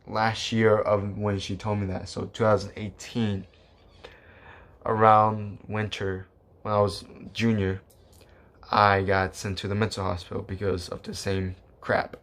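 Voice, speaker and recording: Young male vlogger, lower-pitched, loose rambling storyteller with lots of fillers. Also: level tone, unhurried. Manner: rambling, many fillers and restarts, casual swearing. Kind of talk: casual storytelling to camera.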